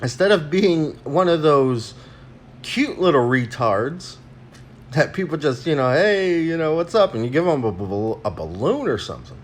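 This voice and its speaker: A man's voice: medium pitch, big pitch swings, normal speed, slight background noise. A man ranting crudely and rambling with lots of fillers in a casual livestream, talking into a phone while eating. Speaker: vlogger.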